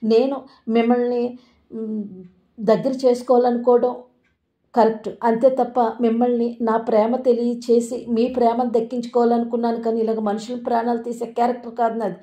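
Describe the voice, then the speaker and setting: A woman's voice: fairly high pitch, level tone, moderate pace, dark tone, natural voice. A woman reading a defensive, pleading young woman. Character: lovesick young woman denying blame.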